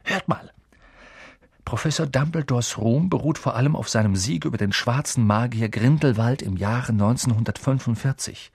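A man narrating an audiobook in a lively, expressive way. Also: medium pitch, normal speed, creaky, few pauses, slightly rough, no echo, studio quality.

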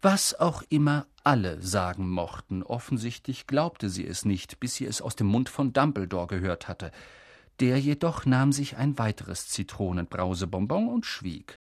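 An audiobook reader narrating a story in a lively, expressive way with a husky voice. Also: medium pitch, normal speed, dry recording, clean studio sound. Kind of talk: scripted narration.

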